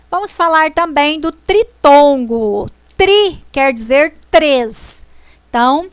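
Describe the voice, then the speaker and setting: A woman teacher, explaining a grammar lesson slowly and deliberately, stressing syllables as she goes. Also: high voice, a bit bright, no echo. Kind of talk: slow classroom explanation.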